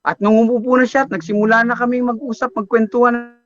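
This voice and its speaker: High-voiced animated male preacher. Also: fast, dull audio. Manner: animated storytelling, switching into English phrases. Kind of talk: Filipino sermon.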